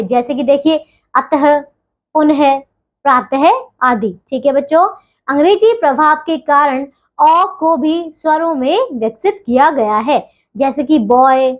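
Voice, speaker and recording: A woman with a high, light voice teaches a grammar lesson to children. She is patient and spells sounds out slowly, checking in with the class again and again.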